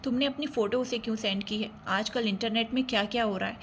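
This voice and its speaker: A woman voicing a strict, hot-tempered father who scolds his daughter loudly, read in her own voice in an audio story. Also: fairly high pitch, fast talker, a little hiss or hum, lightly acted. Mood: angry. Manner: shouting, scolding.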